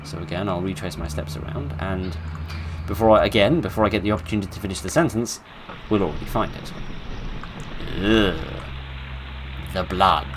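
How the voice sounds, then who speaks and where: A British gamer narrates a horror game playthrough, reading its story aloud and adding casual commentary with dry, tongue-in-cheek humour. His voice is low-pitched and his pace normal, against a noisy background.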